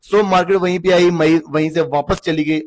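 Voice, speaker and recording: A man with a somewhat higher voice than most, sounding a little hoarse after a long day of talking. He explains charts in a loose, conversational way and keeps checking in with the listener. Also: fairly even intonation, moderate pace. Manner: chatty, repeats checks like "okay ji" and "look". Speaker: trading instructor. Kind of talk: casual screen-walkthrough lesson.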